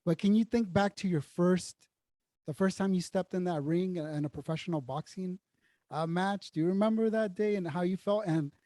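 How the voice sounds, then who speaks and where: High-voiced man hosting an interview. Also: moderate pace, dark tone, no room sound. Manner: eager, repeats words while forming questions. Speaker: interview host. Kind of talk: casual interview.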